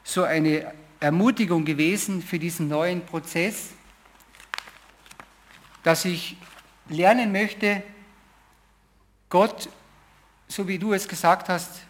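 A middle-aged man gives a sermon in a loose, personal testimony style. His voice sits fairly high for a man, and he often pauses, repeats words and restarts as he speaks. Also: steady tone. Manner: informal storytelling, with hesitations and repeated phrases. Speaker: preacher.

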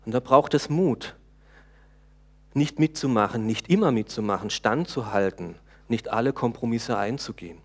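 A male preacher gives a sermon in a relaxed way, speaking directly to the congregation at a moderate pace. He often hesitates, restarts phrases, and asks his listeners questions. His voice sits at an ordinary middle pitch for a man.

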